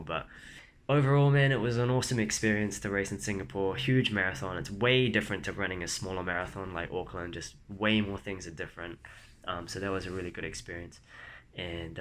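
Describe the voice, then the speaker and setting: Young male vlogger, bright forceful voice, relaxed storytelling, faint background hiss. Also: low-pitched. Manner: laid-back, says "like" and "man" a lot. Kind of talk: casual storytelling vlog.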